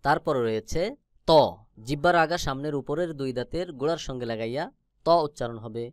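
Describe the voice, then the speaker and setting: A man teaching Quran recitation, explaining where each Arabic letter is formed and sounding it out slowly several times. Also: mid-range voice, smooth, no room sound, clean studio sound. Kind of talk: slow instructional explanation.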